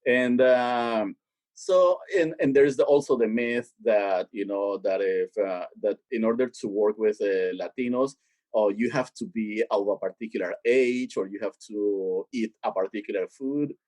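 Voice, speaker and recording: Speaking a little slowly in a fairly low voice, a theologian from Boston explains his work conversationally as an interview guest. He becomes animated and emphatic whenever he lands a point, and the recording has no room sound.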